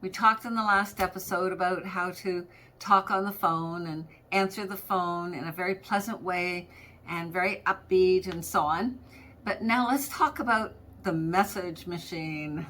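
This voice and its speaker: With a fairly low, somewhat bright voice, a middle-aged woman coaches on practice management in an informal training episode. Her delivery is conversational and anecdotal, full of everyday examples, and she acts out example phone greetings.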